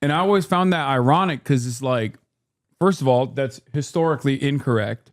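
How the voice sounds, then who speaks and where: A man's voice: mid-range voice, a little fast. Guy doing sarcastic reaction commentary, chuckles between points, mid-range voice. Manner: sarcastic, laughs mid-sentence. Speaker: stream host reacting to clips.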